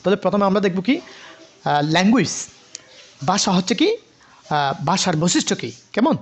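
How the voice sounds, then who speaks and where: A man's voice: high voice, big pitch swings, normal speed, husky. A man teaching an online linguistics lecture, who keeps asking rhetorical questions and mixes in English terms.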